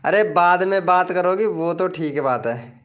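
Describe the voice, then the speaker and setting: Guy on a livestream, slowish easygoing chat, kinda high smooth voice, keeps repeating himself. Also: lo-fi sound, background noise. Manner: chatty, repeats phrases, reads viewer comments aloud. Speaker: live streamer greeting viewers.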